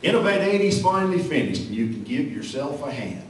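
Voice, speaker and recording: A man's voice: fairly high pitch, very animated, brisk. A man with a Western American cowboy twang reciting cowboy poetry to a live audience in a folksy, drawling way with dry humor. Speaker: cowboy poet. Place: large echoey room with a live audience. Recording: echoey hall from far off, faint noise.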